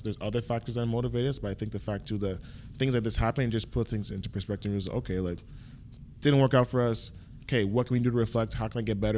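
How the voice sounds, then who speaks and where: Fast-talking young male podcast host. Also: on the low side, a little mellow, slight background noise. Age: 20s. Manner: chatty, fast, lots of filler like and obviously. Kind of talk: casual podcast interview.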